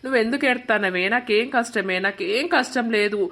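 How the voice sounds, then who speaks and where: A woman's voice: fairly high pitch, fairly quick, a bit bright. A woman voicing an earnest young son in a cartoon, with a Telangana Telugu accent and a pleading way of talking. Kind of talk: animated cartoon voice acting.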